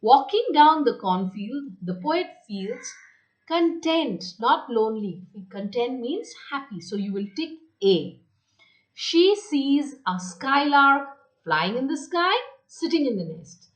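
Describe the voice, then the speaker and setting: A woman's voice: high voice, very animated, low-quality recording. A woman school teacher with an Indian English accent, giving a recorded online lesson and repeating her instructions. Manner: slow, repeats instructions, stresses key words. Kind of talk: recorded online class lecture.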